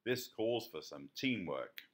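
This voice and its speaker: A man voicing a cheerful, kindly man who cares for animals, in a gentle, unhurried storybook reading. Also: on the low side, big pitch swings, pitched above the performer's own voice.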